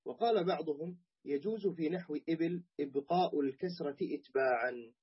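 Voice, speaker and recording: A male student reads a classical grammar text aloud in a measured, formal recitation. His voice is a little high and husky. The sound is muffled and lo-fi. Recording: dull lo-fi recording.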